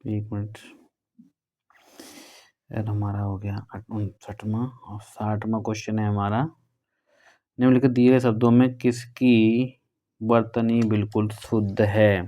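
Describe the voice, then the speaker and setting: A male teacher from northern India going through exam questions in a brisk, conversational way, drawing out the key words. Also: fairly low pitch, flat delivery, warm tone, muffled recording. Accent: Hindi, northern India.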